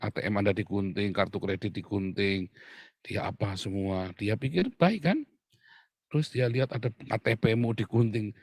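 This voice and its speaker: A man from Indonesia preaching a sermon, blunt and animated, with sudden loud outbursts. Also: medium pitch, no echo, studio quality. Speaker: pastor.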